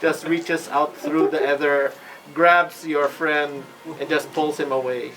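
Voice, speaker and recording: Slow-paced, higher-pitched male game master. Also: little pitch movement, fairly bright tone, poor audio. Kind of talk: narrating a live tabletop game.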